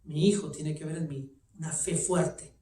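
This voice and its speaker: High-voiced preacher man in an echoey church. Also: fairly even intonation, normal speed. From Texas, United States. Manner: preaching with big swings from loud shouts to low quiet lines. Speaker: guest pastor. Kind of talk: sermon. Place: church sanctuary. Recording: echoey church from a distant mic.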